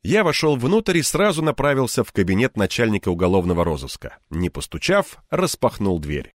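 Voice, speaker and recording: A man's voice: fairly low pitch, big pitch swings, a little fast, no echo, clean studio sound. A man narrating an audiobook in the first person, in a wry, conversational storytelling manner.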